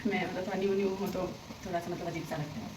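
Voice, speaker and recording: A young woman talking through her household chores in a casual daily vlog, rambling, speaking softly and holding the phone herself. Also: lowish voice, steady tone, racing, far from the mic. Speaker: vlogger. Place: home kitchen. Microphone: handheld phone. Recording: echoey room with household noise.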